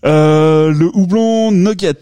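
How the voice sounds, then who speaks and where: A man's voice: high voice, slow pace, warm tone. A man hosting a casual beer podcast, talking hesitantly with many fillers and restarts and laughing at himself. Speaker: podcast host.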